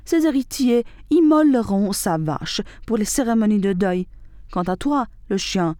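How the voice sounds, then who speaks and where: A woman's voice: medium pitch, animated, unhurried, warm tone, dry recording, clean studio sound, natural voice. A woman voicing a boastful male rooster in a storybook tale, speaking in an insistent, indignant way. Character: proud boastful male rooster who foretells deaths.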